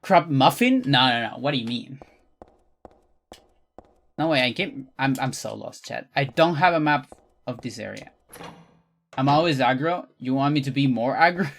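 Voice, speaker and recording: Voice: mid-range voice, animated, moderate pace, vocal fry, pauses often, slight background noise. Streamer with a playful Chilean accent. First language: Spanish. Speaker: game streamer. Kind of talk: casual livestream chat while gaming.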